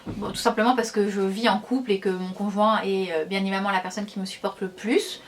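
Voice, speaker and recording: A woman's voice: mid-range voice, fairly even intonation, a little fast, a little hiss or hum. A woman vlogger talking casually to her viewers, chatty and hesitant, with many fillers. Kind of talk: casual talk to camera.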